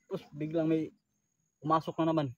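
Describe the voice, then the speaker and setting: A man chatting casually outdoors on a mountain, measured and repeating himself as he thinks. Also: on the high side, monotone, a bit bright. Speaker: vlogger on a jungle outing. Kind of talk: casual chat among friends. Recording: distant, dull lo-fi outdoor mic.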